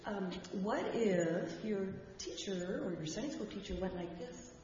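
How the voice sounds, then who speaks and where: A woman giving the children's message in church, gently asking the kids questions and leading them through gestures. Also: medium pitch, unhurried, slight background noise. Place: church sanctuary. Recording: echoey hall from far off, dull.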